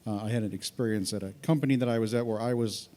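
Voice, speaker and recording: A man's voice: on the low side, fast, dark tone. A man in the audience asking an earnest, slightly hesitant question at a talk.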